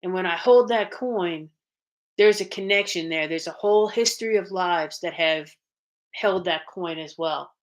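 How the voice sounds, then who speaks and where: A woman's voice: lowish voice, a little slow. A young woman co-hosting a casual live stream, talking in a rambling way with many restarts and a lot of feeling. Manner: rambling, restarts often, emotional. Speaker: co-host of a paranormal channel.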